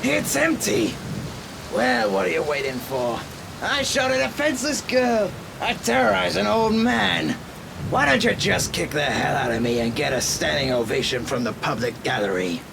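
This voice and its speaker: A man's voice: fairly high pitch, expressive, moderate pace, gravelly, background noise. A man acting a manic, taunting clown-like villain in an amateur radio drama, theatrical in his delivery. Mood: bitter, goading. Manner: theatrical, swinging between mutters, shouts and cackles. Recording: echoey reverberant drama mix, loud music bed. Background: loud music, rain.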